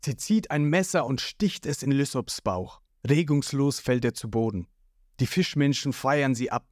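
A woman narrating an audio manga in a lively storytelling manner. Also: extremely low pitch, moderate pace, no echo, clean studio sound.

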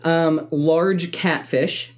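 A woman co-hosting a podcast, telling stories in a relaxed, chatty way with plenty of fillers. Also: deep voice, very slow. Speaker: podcast co-host. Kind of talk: casual chat.

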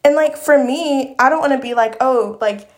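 A woman's voice: high-pitched, fairly even intonation, a little fast. A young woman from Long Island talking in a casual, rambling vlog chat full of fillers. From Long Island, New York. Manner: chatty, rambling, lots of fillers. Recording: echoey room.

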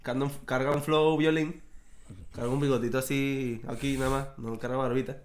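A man's voice: medium pitch, steady tone, a little fast. Slangy Venezuelan man chatting. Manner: slangy, joking, trails off searching for words. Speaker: podcast co-host. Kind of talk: casual gossip chat.

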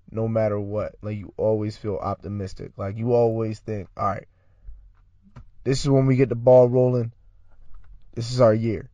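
A man's voice: on the low side, darkish tone, dry recording, highs cut off. A man co-hosting a casual sports podcast, laid-back and teasing, with lots of filler asides. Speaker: podcast co-host.

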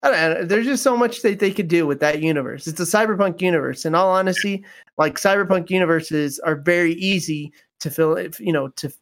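A man chatting casually about video games, rambling with lots of fillers and restarts. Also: on the high side.

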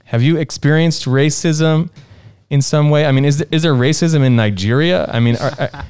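A man's voice: a little high, moderate pace, darkish tone, clear, resonant tone, no echo. Man, panel host, faith talk, searching delivery, resonant voice, dry recording. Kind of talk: hosting a faith panel discussion.

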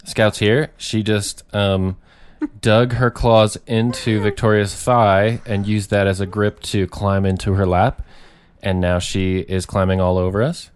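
Very deep-voiced young man, relaxed. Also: measured pace, clean tone. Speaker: podcast co-host. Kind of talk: casual chat.

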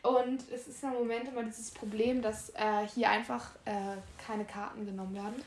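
A young woman in casual chat, retelling events in a lively, animated way. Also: fairly high pitch, normal speed. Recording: echoey room.

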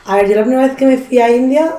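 As a guest on a podcast, a woman chats casually about her travels, doing the voices of people she quotes and swearing liberally. Her high-pitched voice moves fast yet stays warm and mellow, ringing slightly in the echoey space.

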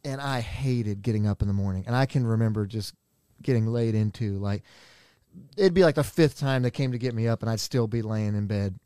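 A man's voice: on the low side, a little fast, mellow, clear, resonant tone, no echo, clean studio sound. A young man co-hosting a casual podcast, telling stories in a rambling, self-deprecating way. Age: young adult. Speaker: podcast co-host. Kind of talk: casual chat.

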